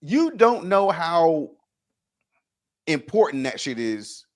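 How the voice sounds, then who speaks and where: A man's voice: fairly high pitch, big pitch swings, slow, a little mellow. A man co-hosting a podcast, joking around and building bits with quoted lines. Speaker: podcast co-host. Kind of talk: casual chat.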